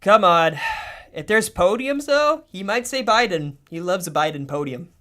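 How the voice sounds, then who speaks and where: A young man talks through a casual livestream, cursing freely as he reacts. He drifts into low, half-muttered asides, then jumps into sudden excited outbursts. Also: moderate pace. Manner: profane, excitable, swings between mutters and outbursts.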